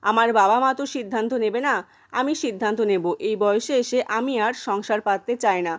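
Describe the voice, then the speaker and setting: A woman's voice: on the high side, fairly quick, natural voice. A woman voicing a firm, defiant middle-aged mother in a retold soap-opera scene.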